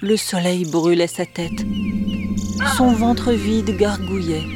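A woman narrating a fable in an expressive, measured storytelling voice. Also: mid-range voice. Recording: music bed under the voice.

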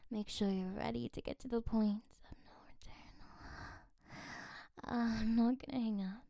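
A woman doing ASMR role-play as a flirtatious, coaxing friend, drifting between soft breathy speech and speaks softly, close and intimate as if right in your ear. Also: medium pitch, no room sound. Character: flirtatious, coaxing female friend on a late call.

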